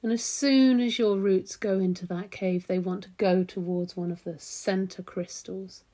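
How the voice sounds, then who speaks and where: A woman with a mid-range voice and a steady tone leads a guided meditation, gentle and soothing, taking her time and leaving long pauses.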